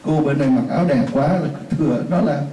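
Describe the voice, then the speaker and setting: A man's voice: a little high, fast, mellow. Distant, chatty man teaching a class. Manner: chatty, explains with repeated examples and asides. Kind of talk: classroom lesson. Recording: roomy, distant mic, faint hiss.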